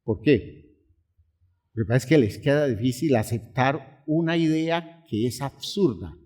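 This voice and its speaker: A man preaching a sermon as pastor, swinging between hushed, quiet lines and high, pleading outbursts. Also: expressive, measured pace.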